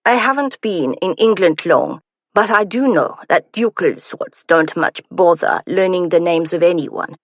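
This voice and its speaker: A woman's voice: on the low side, unhurried, dry recording. A woman voicing a grinning, needling man newly arrived in England, teasing and wry, in an audiobook.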